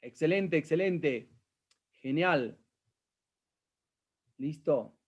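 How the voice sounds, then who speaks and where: High-voiced man coaching emphatically. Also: lively intonation, drawn-out words, breathy edge, muffled recording. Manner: emphatic, repeats key phrases, asks the audience questions. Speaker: life coach. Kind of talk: live-streamed motivational coaching session.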